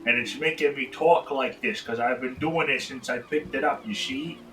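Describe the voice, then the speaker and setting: A man's voice: medium pitch, animated, a little fast, distant mic, background noise, lightly acted. A man voicing a brash, swearing male rogue with a wandering put-on accent, rambling as he talks. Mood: boastful. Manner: rambling, profane, laughing through it. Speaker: player. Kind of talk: in-character tabletop role-play.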